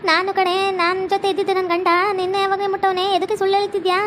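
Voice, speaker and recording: A woman's voice: very high voice, flat delivery, racing, slight background noise, voice pushed up. A woman voicing a conniving, quarrelsome young housemaid. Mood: accusing. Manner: accusing, pleading and conniving.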